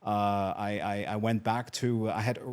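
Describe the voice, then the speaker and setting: A man's voice: lowish voice, level tone, a little slow, a little mellow, clean tone. A middle-aged man from Germany, a hotel marketing guest in a casual interview, talking with many fillers and restarts. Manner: chatty, frequent fillers and restarts.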